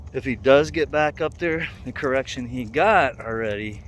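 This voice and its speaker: A man talking casually while out walking, in a rambling, plain-spoken, conversational way as a dog trainer making a vlog. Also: medium pitch. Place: outdoors, walking in a neighborhood. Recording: outdoor ambient street noise.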